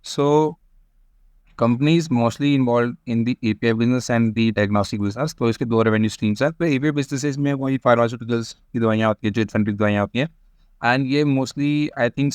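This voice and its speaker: A man with an Indian accent and a mid-range voice, recorded dry, presents an informal stock explainer with screen share. He addresses viewers familiarly, often switching between Hindi and English.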